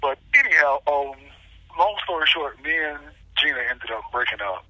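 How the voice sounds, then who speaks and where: A man's voice: a little high, animated, moderate pace, sharp tone, dry recording. A man telling his story over a phone call from prison, guarded and hesitant with many ums. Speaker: guest speaking by phone from prison. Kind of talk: casual storytelling.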